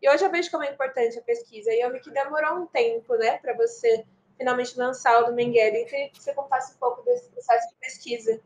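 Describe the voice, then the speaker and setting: A young woman hosts a student podcast, asking her guest long, winding questions and often restarting her sentences. Her voice is high and light for a woman. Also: lively intonation, fast, hardly any pauses, a little mellow, dull audio. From Brazil. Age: young adult. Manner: thoughtful, rambling questions with restarts. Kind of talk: interview questions.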